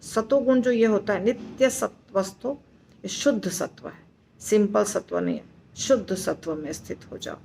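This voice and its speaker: A woman teaching recitation, explaining slowly and patiently, repeating words syllable by syllable and reassuring her students. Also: mid-range voice, creaky, mellow, a little hiss or hum. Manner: reassuring, instructive. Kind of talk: slow explanatory lesson.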